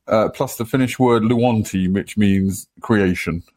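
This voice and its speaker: A man's voice: fairly low pitch, a little slow, darkish tone. A man co-hosting a casual podcast chat, blunt and opinionated, swearing freely. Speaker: podcast co-host.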